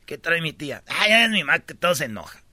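Lively high-voiced Mexican comedy host. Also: male voice, fast, no echo, clean studio sound. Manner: joking, animated, slangy, doing voices. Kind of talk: comedic storytelling on radio.

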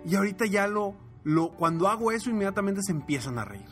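A man's voice: high voice, quick pace. A man hosting a podcast as a business coach, giving a motivational talk and acting out voices as he tells stories. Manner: animated, acts out his children's voices. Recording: music bed underneath.

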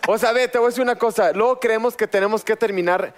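A man's voice: high voice, quick pace. A man with a Mexican Spanish accent in a casual panel chat, telling stories and acting out what people said. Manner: animated storyteller who acts out quotes.

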